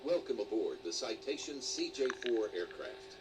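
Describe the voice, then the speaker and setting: A man reading a pre-recorded cabin safety announcement in a formal, measured way, played back in a flight simulator. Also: medium pitch, lively intonation. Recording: distant, noisy game audio.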